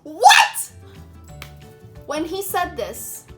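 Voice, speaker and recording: A woman's voice: on the high side, moderate pace, a bit bright, soft background music. Chatty young woman telling a story. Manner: chatty, filler-heavy retelling with many "like"s. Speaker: YouTuber telling a personal story. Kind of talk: casual storytime vlog. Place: room at home lit by fading daylight.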